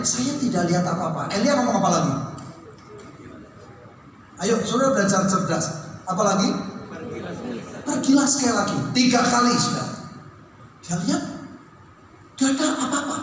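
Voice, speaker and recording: Male preacher, high-pitched and animated, heard from a distance in a big echoing church. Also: slight background noise. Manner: animated preaching, acts out voices. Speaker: pastor. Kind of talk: sermon. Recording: echoey hall from far off.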